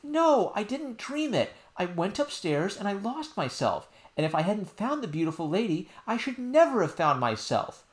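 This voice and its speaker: A man's voice: sits high, big pitch swings, moderate pace, few pauses, voice pushed up. A man voicing an upset young girl princess, earnest and proud, in a storybook reading. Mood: pleading. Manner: earnest, pleading. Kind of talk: audiobook character voice.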